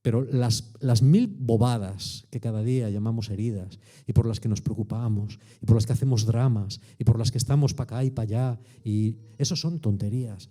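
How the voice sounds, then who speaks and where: A man's voice: medium pitch, warm tone. A man in his sixties with a Spanish accent preaching a sermon in a colloquial, emphatic way, full of rhetorical tags. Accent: Spain Spanish. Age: 60s.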